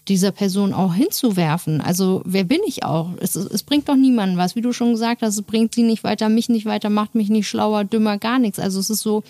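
A woman's voice: mid-range voice, brisk, hardly any pauses, mellow, no echo. A woman content creator talking candidly and emphatically in a casual podcast conversation. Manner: candid, emphatic, quotes critics in put-on voices.

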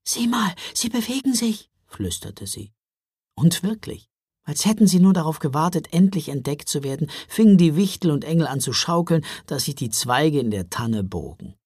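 A man narrating a children's Christmas audiobook, expressive storyteller. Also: fairly high pitch, moderate pace, dry recording, clean studio sound.

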